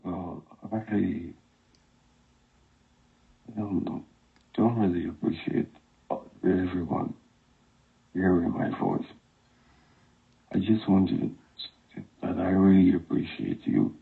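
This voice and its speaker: A man speaking through a voice changer on a call, defensive and halting as he pleads his case. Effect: voice changer, unnaturally deep and gravelly. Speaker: caller in an online romance. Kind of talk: phone call. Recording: dull lo-fi call audio.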